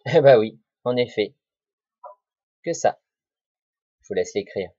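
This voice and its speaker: Slow, patient teacher, husky. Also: male voice, mid-range voice, animated, dark tone, no room sound, muffled recording. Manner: slow, patient, syllable-by-syllable dictation. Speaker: primary school teacher. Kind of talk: recorded reading and spelling lesson for children.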